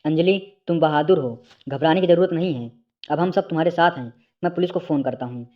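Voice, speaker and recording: A man's voice: fairly high pitch, a little fast, muffled recording, natural voice. A man voicing a protective elderly male neighbor who speaks sternly and reassuringly, in a storybook reading. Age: older.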